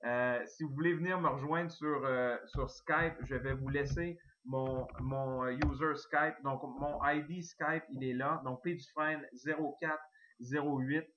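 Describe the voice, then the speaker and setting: A man with a Québécois French accent giving an eager, excitable sales pitch on a recorded online call, full of fillers and restarts. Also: measured pace, muffled recording. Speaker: network marketing presenter.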